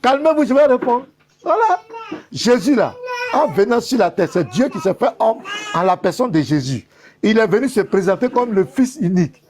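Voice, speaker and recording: A man's voice: high voice, sing-song, normal speed, darkish tone. A man, a pastor, arguing insistently in a heated religious debate, talking over his opponent and repeating himself. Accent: French-speaking African.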